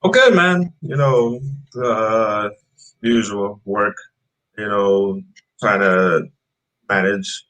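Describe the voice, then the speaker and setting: Extremely slow with long pauses, a lowish male voice comes through a rough recording. He is a Trinidadian rapper in his thirties, chatting casually as an interview guest about his start in music and rambling with fillers and restarts.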